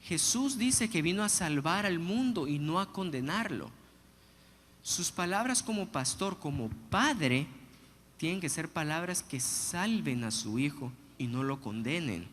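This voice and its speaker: A man preaching a sermon, telling personal stories in an animated, humorous way. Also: on the high side, unhurried. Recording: long hall reverb, faint background noise.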